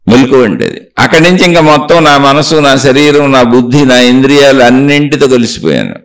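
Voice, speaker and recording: A man's voice: mid-range voice, sing-song, fast, low-quality recording. Man giving a rhythmic spiritual discourse. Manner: rhythmic chains of repeated phrases; rhetorical questions to the listener. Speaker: spiritual teacher.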